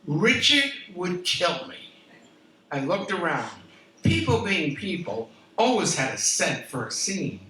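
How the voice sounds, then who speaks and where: An older American woman with a fairly low voice reads aloud from her own memoir in a theatrical, expressive way, marked by emphatic pauses. It's a dramatic live reading before listeners in a room of a historic house, captured on a distant mic that sounds roomy and picks up background noise.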